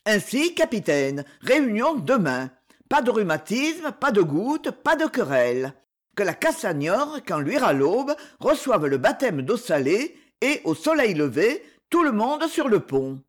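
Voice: medium pitch, very animated, unhurried. Saint-Égout, a rousing old sea captain, read aloud. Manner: rousing, declamatory speech. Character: pompous old retired sea captain, male, orating. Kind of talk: audiobook reading.

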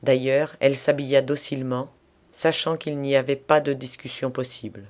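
A man narrating a literary audiobook in a measured, expressive reading. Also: mid-range voice.

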